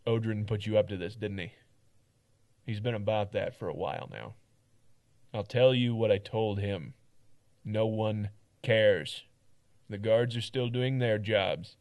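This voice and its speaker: Gravelly blunt miner guy, some dude putting on the voice, low and scornful. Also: a little slow, long pauses, darkish tone. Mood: dismissive.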